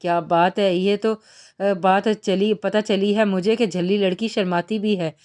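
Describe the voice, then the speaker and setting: A woman's voice: mid-range voice, steady tone, a little slow, a little mellow, close to an everyday voice. A woman reading the part of a young army major who teases and sweet-talks the girl he loves. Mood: teasing. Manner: teasing, affectionate. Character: young man, an army major, tender and teasing lover.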